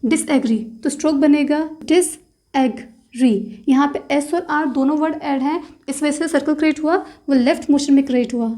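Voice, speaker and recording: A woman teaching a shorthand class, spelling out example words slowly and deliberately in mixed with terms. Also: high voice, darkish tone. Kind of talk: explaining lesson.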